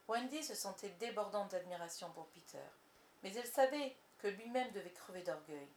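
Sex: woman. Role: narrator. Style: storybook reading, measured. Pitch: mid. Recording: faint background noise. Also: a little mellow.

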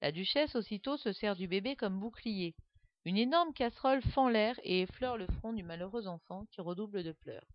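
A woman's voice: mid-range voice, moderate pace, no echo. Woman reading a children's story. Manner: lively, expressive reading. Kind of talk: scripted children's story narration. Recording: dull lo-fi dry recording.

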